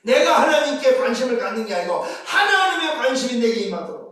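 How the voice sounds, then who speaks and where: A man preaching with force from the pulpit, pressing his point again and again with rhetorical questions. His voice sits very high for a man. It rings through a big echoey church and comes from a distance, far from the mic. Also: big pitch swings, brisk, a bit bright. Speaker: pastor. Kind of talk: sermon. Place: church sanctuary.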